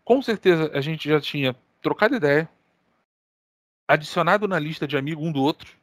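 Slangy Brazilian podcast host, higher voice. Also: male voice, a little fast, no echo, clean studio sound. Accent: Brazilian Portuguese. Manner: animated, talks with slang and swearing. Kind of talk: casual storytelling chat.

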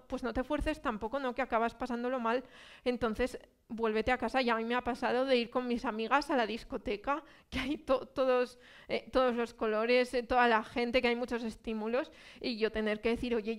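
Chatty Spanish woman lecturing, high voice. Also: smooth. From Spain. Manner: conversational, many fillers and rhetorical questions. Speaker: author giving a talk. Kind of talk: public lecture. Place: cultural centre hall.

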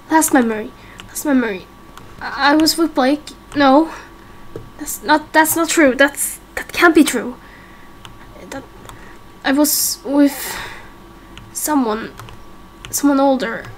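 In an amateur game roleplay, a woman with a high-sitting voice acts as a confused, frightened young amnesiac who is part-creature and vows peace. She speaks in halting, fragmented lines, questioning herself as she goes, with some background noise behind her.

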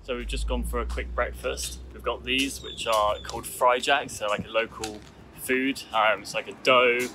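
A man hosting a casual travel vlog outdoors on a tropical island, chatty and relaxed, talking to a handheld camera. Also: medium pitch, moderate pace, music in the background. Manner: chatty, relaxed, self-correcting. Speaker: travel vlogger host.

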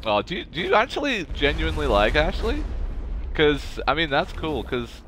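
A man's voice: fairly high pitch, wildly swooping pitch, moderate pace, fairly bright tone, slight background noise. A man giving casual live commentary on a game playthrough, playful and rambling as he chats with viewers. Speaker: game streamer.

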